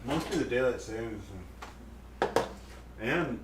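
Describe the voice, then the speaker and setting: A man chatting casually with goofy, drawn-out jokes. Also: medium pitch, animated. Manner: slow, goofy, drawn-out jokey talk. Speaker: co-host. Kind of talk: casual chat on a livestream. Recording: echoey room, mic far off, background noise.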